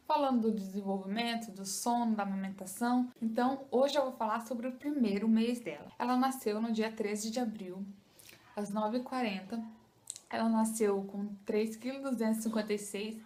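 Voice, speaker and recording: A woman's voice: fairly high pitch, moderate pace, darkish tone. A young Brazilian woman, a first-time mother, talking casually to her viewers in a chatty way. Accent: Brazilian Portuguese. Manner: chatty, addresses viewers with "gente" and "tá?". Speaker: vlogger, new mother. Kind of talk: casual chat to camera.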